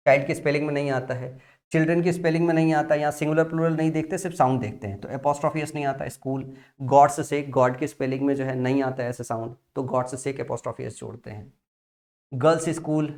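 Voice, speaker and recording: A man's voice: a little high, a little mellow. A man teaching English grammar in a classroom-style lesson, repeating key points and asking and answering his own questions.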